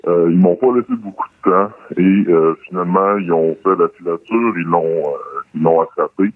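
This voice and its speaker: A man calling in with his voice electronically disguised and lowered, speaking with a Quebec French accent and hesitating often. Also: moderate pace. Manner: hesitant, many fillers. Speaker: caller. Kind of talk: casual phone call to a radio show. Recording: dry tinny phone line.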